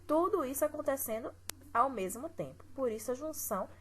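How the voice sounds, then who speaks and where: In a recorded classroom lesson, a woman teacher with a Brazilian Portuguese accent patiently guides students through exercises step by step, posing rhetorical questions. Her voice is high-pitched, expressive, brisk and fairly bright, on a rough recording.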